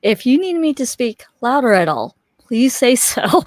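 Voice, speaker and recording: A young woman hosts a live webinar from a USB desk mic, chatting casually as she waits for viewers to join. Her high voice swings hugely in pitch and moves slowly, and she sounds chatty and friendly, with plenty of fillers and frequent restarts. The audio is studio quality with no echo.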